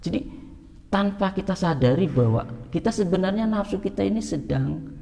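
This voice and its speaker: Gravelly male preacher in an echoing hall. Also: expressive, moderate pace, dark tone. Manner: asks questions and answers them himself, pitch jumps for emphasis. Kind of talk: religious teaching. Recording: long reverb in a hall.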